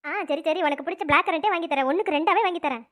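A woman voicing a kind, playful young woman in a cartoon, coaxing a friend gently. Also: extremely high pitch, fast talker, very noisy.

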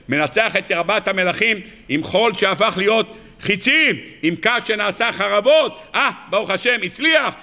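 A man preaching a weekly Torah sermon as a rabbi, animated, peppering the audience with rhetorical questions and acting out characters with sudden cries. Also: sits high, vocal fry.

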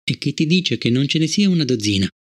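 A man reading an audiobook, voicing a cold, relentless male guard robot with a flat, formal manner. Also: on the high side, fast talker. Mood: stern. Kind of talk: audiobook character voice.

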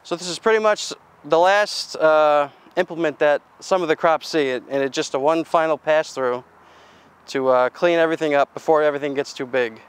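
A young farmer with a fairly high, clean-toned voice talks at a normal speed while casually showing off his equipment outdoors in a farmyard. His speech is plain and full of fillers and restarts.

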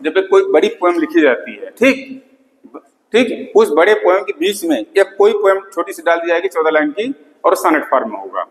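In a reverberant classroom with a board, a very animated male lecturer in English literature speaks in a high voice at normal speed. His lecture mixes Hindi and English, with key terms repeated and frequent "theek hai" checks.

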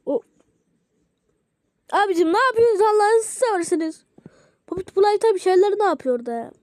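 A woman casually reacting to short videos, rambling and excitable, swearing often. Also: very high voice, brisk, no echo, studio quality.

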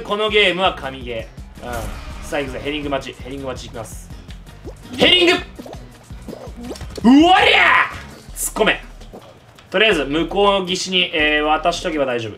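A man hosting excited game commentary, yelling at his teammates and the game. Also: fairly high pitch, fast talker, faint music behind. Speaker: gaming channel host.

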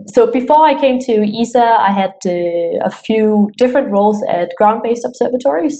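A woman's voice: medium pitch, vocal fry, mellow. A young woman from Denmark, giving an online talk as a PhD student, friendly and tired, with many fillers and restarts. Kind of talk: online presentation. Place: home room.

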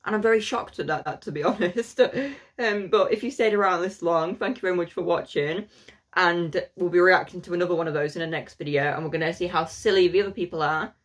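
A woman's voice: lowish voice, fairly quick. A young woman gives casual reaction commentary from a small room, exclaiming and talking back to what she watches. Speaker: reaction video host. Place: small indoor room at a desk.

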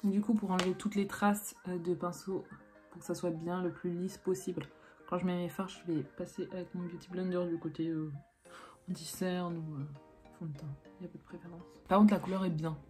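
Briskly and with little pitch movement, a young French beauty vlogger talks casually through a makeup tutorial in a fairly low, warm voice. Her speech is chatty and filler-heavy with restarts and self-corrections, set against faint background music.

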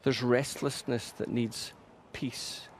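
A man's voice: medium pitch, steady tone, slow, vocal fry, slight background noise. A male pastor preaching a sermon, earnest and emphatic, building momentum through repeated phrases. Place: church.

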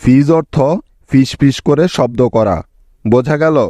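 A man of middling pitch teaches spelling rules in a patient, step-by-step way. He pauses often to check that his students are following. The recording is dry and close, with no room sound. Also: mellow, no room sound. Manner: explains slowly and asks frequent check-in questions. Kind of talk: scripted lesson narration.

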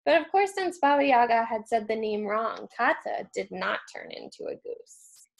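A woman reading a children's storybook aloud, telling it expressively as a childcare staff member. Her voice sits a bit high and carries a strong gravelly crackle. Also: expressive, moderate pace.

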